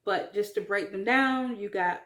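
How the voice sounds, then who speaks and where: A woman's voice: medium pitch, unhurried, fairly bright tone. A woman talking casually to camera as a vlogger about learning a language, chatty and hesitant, with many fillers. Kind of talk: casual vlog talk.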